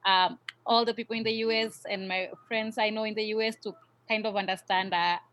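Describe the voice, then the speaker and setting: A woman in her thirties with a Kenyan accent chats as a podcast guest. She talks in a relaxed way, pausing often to find her words. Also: medium pitch, rough recording. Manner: relaxed, many "uh" pauses. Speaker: podcast guest, yoga teacher trainer. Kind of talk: casual interview chat.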